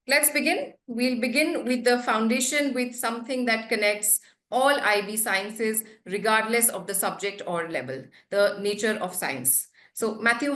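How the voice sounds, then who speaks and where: A woman's voice: on the high side, fairly bright tone. A woman with a polished Indian accent hosts a formal webinar, presenting scripted material in a courteous manner. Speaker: webinar host, head of academics. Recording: echoey room sound.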